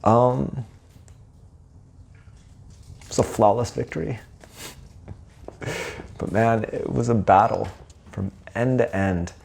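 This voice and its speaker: A man's voice: medium pitch, slow pace, vocal fry, long pauses, darkish tone, breathy edge. A man giving a casual spoken report on his own video, earnest and rambling, often restarting his sentences. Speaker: host of a personal video report.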